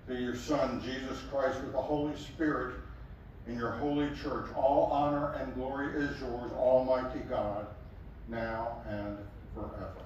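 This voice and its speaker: A man's voice: medium pitch, level tone, a little mellow, highs cut off. Solemn man in an echoey chapel. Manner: measured, solemn recitation. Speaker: pastor. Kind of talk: liturgical communion prayer. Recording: echoey chapel, distant mic, faint room noise.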